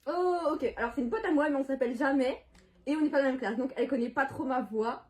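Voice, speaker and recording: A teenage girl hosts a video, making prank calls and chatting in a casual, slangy vlog style. Her voice is high-pitched, fast, and a little mellow, and she's exclamatory and quick to get exasperated.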